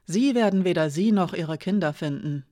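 A reader voicing a calm, self-assured woman who speaks quietly and steadily, in a dry audiobook reading. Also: medium pitch, normal speed, no room sound, lightly acted. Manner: calm and soft-spoken.

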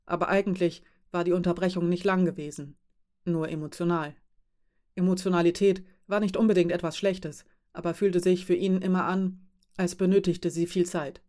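A woman narrating a fantasy story as an audiobook reader, in an even, measured way. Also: lowish voice.

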